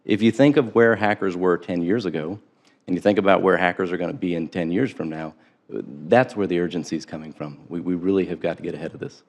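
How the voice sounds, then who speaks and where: A man giving formal testimony as an expert witness in a hearing room, explaining in a measured way and often repeating his first words before an answer. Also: deep voice, a little mellow.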